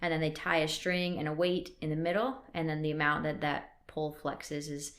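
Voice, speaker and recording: A woman in her thirties with a low, level, fairly bright voice talks briskly, her accent blending Northern and Southern US from roots in Wisconsin and North Carolina. She's a CrossFit coach and gym owner appearing as a podcast guest, explaining at length in casual chat full of fillers. The setting is a physical therapy clinic.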